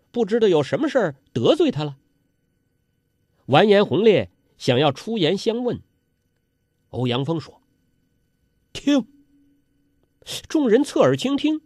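A man telling a traditional Chinese story, dramatic, moving between loud exclamations and hushed asides. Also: high voice, slightly rough, no room sound, studio quality.

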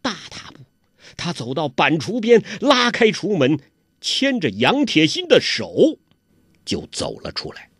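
A man's voice: fairly high pitch, wildly swooping pitch, a little slow, a bit bright, breathy edge, no room sound, studio quality. A male storyteller narrating a martial-arts novel in a dramatic, rhythmic, colloquial way.

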